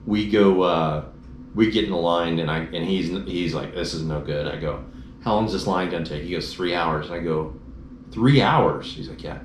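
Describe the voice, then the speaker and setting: A man's voice: low-pitched, normal speed. A man casually recounting his motorcycle crash and trip home, acting out the voices of the people in his story. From Dallas-Fort Worth area, Texas. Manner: animated storyteller, acts out quoted dialogue. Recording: roomy echoey room, faint noise.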